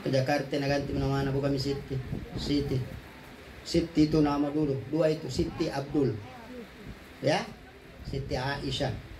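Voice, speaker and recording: A man's voice: medium pitch, level tone, moderate pace, long pauses, a crowd in the background, low-quality recording. A man giving a condolence sermon, telling stories with humor and slipping into local words. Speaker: preacher.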